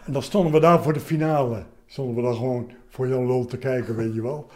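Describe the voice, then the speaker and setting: An elderly man reminisces in a relaxed interview setting. He tells his anecdotes haltingly, in short fragments. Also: medium pitch. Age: 70s. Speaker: interviewee, retired commando veteran.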